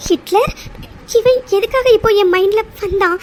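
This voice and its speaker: Cartoon lead: woman voicing a gentle young orphan girl, very high pitch, soft and pleading. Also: moderate pace, loud music behind the voice. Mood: wistful. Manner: soft, pleading, hesitant self-talk.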